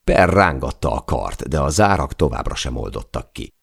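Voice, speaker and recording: Deep gravelly male audiobook narrator. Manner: measured, steady first-person reading.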